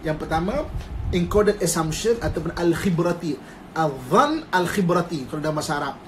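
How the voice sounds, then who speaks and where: A man's voice: fairly high pitch, lively intonation, moderate pace, slight background noise. A man with a Malaysian Malay accent giving an informal religious talk on a live stream. He mixes in English terms, laughs often and acts out quoted husbands and wives. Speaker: Islamic religious teacher. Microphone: phone live stream.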